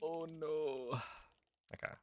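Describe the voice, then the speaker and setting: A man's voice: a little high, fairly even intonation, takes it slowly, warm tone, muffled recording, faint music behind. A man streaming a speedrun, chatting casually and easygoingly while reacting to his viewers' messages. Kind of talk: casual live-stream chat.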